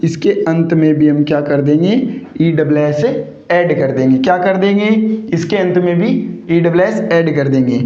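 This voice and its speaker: A man's voice: fairly high pitch, moderate pace, dark tone. A male teacher giving a grammar lecture, who keeps asking the class questions and answering them himself, repeating each key point. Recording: echoey, dull lo-fi room sound.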